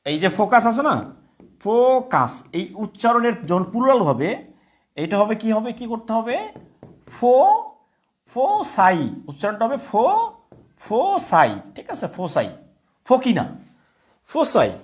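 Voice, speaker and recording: A man with a Bengali accent teaching English grammar in a live online class, repeating words slowly and often checking that students follow. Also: high voice, wildly swooping pitch.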